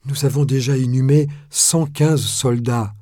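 A man's voice: mid-range voice, fairly even intonation, unhurried, darkish tone, no room sound, clean studio sound, natural voice. A man voicing an indignant, pompous mayor who speaks in grand, solemn phrases. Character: pompous indignant middle-aged male mayor.

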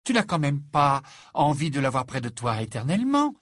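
A man's voice: a little high, expressive, moderate pace, fairly bright tone, breathy edge, no echo, studio quality, voice pushed up. A man voicing an outspoken teenage girl who speaks bluntly and scornfully in a storybook reading. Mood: insistent.

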